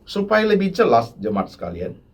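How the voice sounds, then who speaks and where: Male pastor, sermon, husky voice, lively swooping pitch, rhetorical questions, loud peaks and soft asides. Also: moderate pace. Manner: rhetorical questions, emphatic swings between loud high bursts and low quiet asides; addresses the congregation repeatedly.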